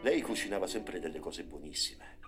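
A man reading a story aloud in an expressive, dramatic way, sometimes dropping to a hush. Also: low voice, moderate pace, music in the background. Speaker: narrator. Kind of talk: storybook narration.

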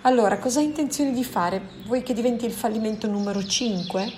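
A woman's voice: fairly high pitch, fairly quick, a little mellow, a little hiss or hum, voice pushed up, close to an everyday voice. A woman voicing an anxious man who keeps pressing with pleading, insistent questions in a storybook reading.

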